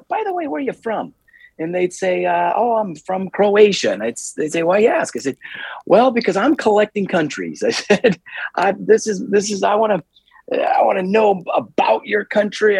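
A man with a husky, slightly rough voice tells stories as an interview guest. He rambles and restarts often, and he grows animated as he goes. The recording is close and dry, with no room sound. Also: fairly high pitch, dry recording. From United States. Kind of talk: storytelling in a podcast interview.

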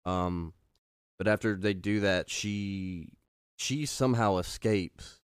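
Low smooth-voiced man, casual and profane. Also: slow, no room sound, studio quality. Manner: loose, profane, says "bro" a lot. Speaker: podcast co-host. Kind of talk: casual chat.

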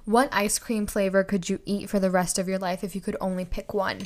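A woman's voice: medium pitch, level tone, fairly quick, a little mellow. A young woman hosting a casual solo podcast, chatty and giggly, stumbling over words as she reads out questions. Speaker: podcast host.

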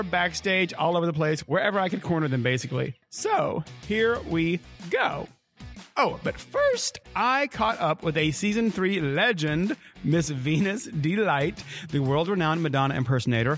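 A man's voice: on the high side, fairly bright tone. A man hosting in a campy, gushing, chatty way, full of playful drag slang. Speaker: podcast host and interviewer. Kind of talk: gushing, chatty event interview and presenting.

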